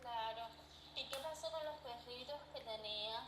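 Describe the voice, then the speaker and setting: A woman from Cuba hosting a casual conversation, with a slightly high voice. She mostly gives short, attentive replies. Her voice sounds roomy and echoey, with clear background noise. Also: normal speed.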